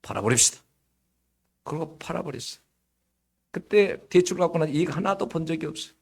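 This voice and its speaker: A middle-aged man preaching a sermon as pastor, slightly hoarse, telling stories in a lively way and often checking in with the congregation. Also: on the high side, brisk. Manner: lively storytelling with frequent rhetorical "응?".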